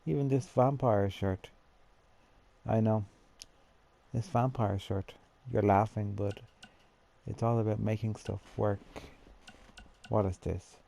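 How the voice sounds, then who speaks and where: A man with a lowish, gravelly voice talks casually through a game, musing aloud and answering his own questions. His tone is dark and mellow. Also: steady tone, slow, long pauses. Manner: chatty, thinks aloud, talks to himself. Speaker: gamer building a character. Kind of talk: casual gameplay commentary.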